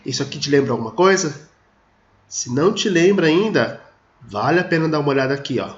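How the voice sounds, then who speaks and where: A male teacher explains grammar step by step in a somewhat high voice, slowing down to read his example sentences. He is recorded in an echoey room. The sound is dull, with a faint hiss behind it. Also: lively intonation. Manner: explains step by step, often saying "ó" and "olha só"; reads example sentences slowly and deliberately. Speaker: English teacher. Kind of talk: video lesson explaining grammar at a board.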